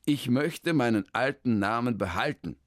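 A man's voice: mid-range voice, lively intonation, normal speed, no echo, clean studio sound, pitched above the performer's own voice, natural voice. A man voicing a flustered, stammering male concert pianist in a children's story. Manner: hesitant, stammering.

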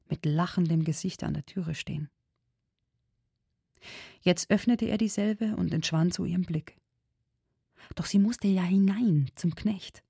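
A woman narrating a story in a steady, measured audiobook reading. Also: fairly low pitch, vocal fry, husky, dry recording, studio quality.

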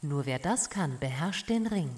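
A woman's voice: deep voice, animated, a little slow, darkish tone. A woman playing a clever female companion who explains things in a matter-of-fact way, in a children's audio story. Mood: explaining.

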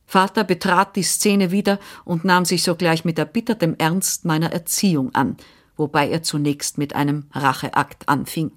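Woman, audiobook reader, low voice, measured expressive memoir narration. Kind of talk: literary memoir reading.

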